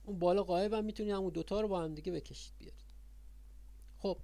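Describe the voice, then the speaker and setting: High gravelly Persian-accented male teacher. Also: steady tone, warm tone, no echo. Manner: repetitive, quizzing the viewers. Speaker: Arabic grammar teacher. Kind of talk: explaining a lesson on a whiteboard.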